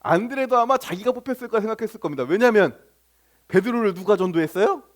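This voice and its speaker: A man with a strikingly high voice preaches a sermon. He retells scripture in a storytelling way and keeps asking the congregation rhetorical questions. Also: expressive, fast talker. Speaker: pastor.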